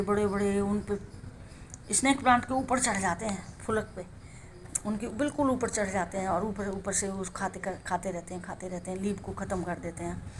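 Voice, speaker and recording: A woman's voice: medium pitch, slight background noise. A woman hosting a home gardening channel, chatting in a homely show-and-tell way and often checking in with the viewer. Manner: chatty, homely, keeps asking "है ना". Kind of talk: casual show-and-tell demonstration.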